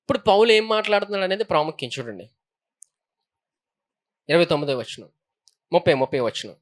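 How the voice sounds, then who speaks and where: Male pastor, high voice, sermon with Bible reading and call-outs. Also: very animated, fast talker. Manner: preaching with frequent hallelujahs and questions to the congregation.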